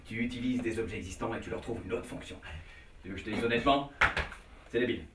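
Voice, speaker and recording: A man's voice: mid-range voice, fast talker, recorded from a distance, a little hiss or hum, natural voice. An actor playing a cocky schemer who lectures his friend on swindling rich men, in a live stage comedy. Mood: lecturing. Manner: lecturing, sly, boastful. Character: scheming, cocky con man. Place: theater stage. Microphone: distant room mic. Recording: echoey live stage recording from afar.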